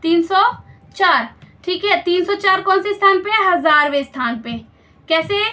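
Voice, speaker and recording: Lady maths teacher, really high bright voice, patient step by step explaining. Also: measured pace. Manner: patient, explains each step and checks with questions.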